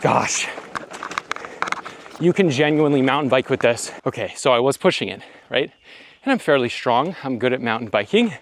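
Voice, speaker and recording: A man's voice: mid-range voice, animated, normal speed. A man reviewing an electric bike, talking enthusiastically to viewers while riding mountain bike trails outdoors and getting out of breath. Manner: enthusiastic, exclamatory, addresses viewers as guys. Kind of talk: excited ride-along commentary. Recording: outdoor recording with loud wind and riding noise.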